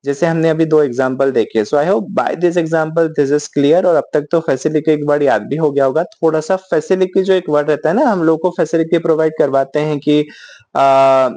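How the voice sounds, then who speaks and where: Dry-voiced Hindi teacher explaining vocabulary. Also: male voice, fairly high pitch, mellow, no echo. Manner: explains slowly, often asks "ठीक है?", fillers; reads English example sentences very slowly. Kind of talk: spoken Hindi lesson mixing English.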